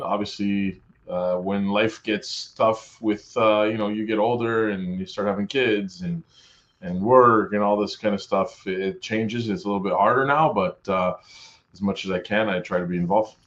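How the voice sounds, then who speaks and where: A man from Canada with a fairly low voice, talking as a podcast guest in a loose, rambling way. He keeps circling back and restarting his sentences, and the recording has a muffled, lo-fi edge. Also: fairly even intonation, normal speed, a bit bright. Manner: rambling, many restarts and fillers. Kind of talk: casual conversation. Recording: dull lo-fi sound.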